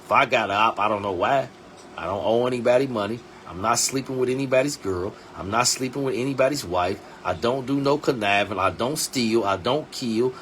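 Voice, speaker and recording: A man in his forties hosting a live stream, talking bluntly in street slang and dropping his voice low and quiet to hammer a point home. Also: slight background noise. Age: 40s. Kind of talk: casual live stream talk.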